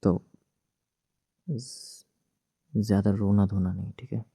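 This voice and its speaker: A man voicing a young husband married to his ex, gruff but tender, in a hushed, soothing, teasing whispered role-play. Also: on the low side, steady tone, takes it slowly, dry recording, clean studio sound, full character voice.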